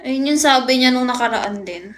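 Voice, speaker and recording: A woman's voice: high voice, expressive, moderate pace, a bit bright. A young woman live-streaming, chatting casually with her viewers in a playful, teasing way and laughing often. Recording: echoey room with faint noise.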